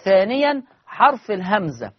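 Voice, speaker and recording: A man with an Egyptian accent teaching a Quran recitation lesson, explaining step by step, asking his listeners questions and demonstrating sounds with slow drawn-out recitation. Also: high voice, big pitch swings, husky, no room sound, highs cut off. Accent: Egyptian Arabic.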